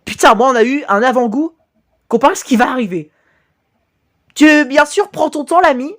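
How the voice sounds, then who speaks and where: A woman talking as an excited anime fan in a casual, sweary reaction commentary, gushing with slangy exclamations. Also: sits high, normal speed. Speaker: reaction video host.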